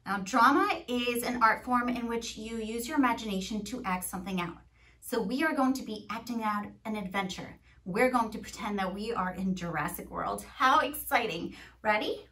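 A young woman teacher leading young children through a playful pretend exercise adventure, calling out actions with animated energy. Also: on the high side, moderate pace, distant mic. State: out of breath. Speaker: preschool teacher. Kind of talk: children's movement and drama lesson. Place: home.

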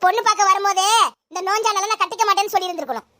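In this comedy sketch, a woman voices a young vlogging daughter-in-law who sasses her mother-in-law, her delivery racing, bright, forceful and very high-pitched. Sweet for the camera, she quickly gets defensive and snippy.

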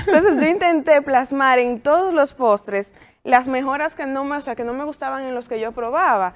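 A woman in her thirties who owns a pastry business is a guest on a TV studio show, cheerfully answering interview questions and laughing often. Her voice is high and her pace moderate.

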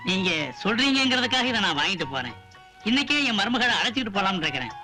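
A man's voice: high-pitched, big pitch swings, fast talker, music in the background. A man playing a humble, remorseful father who apologizes and refuses money. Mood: earnest. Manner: apologetic, earnest. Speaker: bride's father-in-law. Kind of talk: 1980s film acting.

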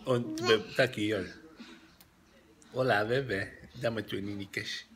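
A man's voice: on the low side, steady tone, measured pace, crowd noise. A man from Portugal with a European Portuguese accent, filming a casual home vlog on his phone in a bedroom and coaxing his toddler in teasing baby talk. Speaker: family vlogger and father. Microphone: handheld phone camera. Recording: noisy phone recording.

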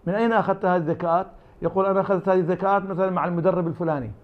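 An Iraqi academic guest with an Iraqi Arabic accent answers interview questions in a high, fairly even voice that races along, sounding narrow and tinny. He argues his case through imagined back-and-forth dialogues.

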